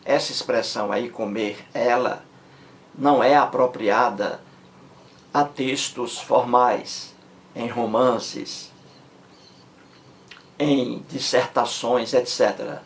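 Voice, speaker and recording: A man with a Brazilian accent teaching a grammar lesson, repeating each example word with slow, deliberate emphasis. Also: medium pitch, steady tone. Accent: Brazilian Portuguese. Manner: drawn-out, emphatic repetition of example words. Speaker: Portuguese language teacher.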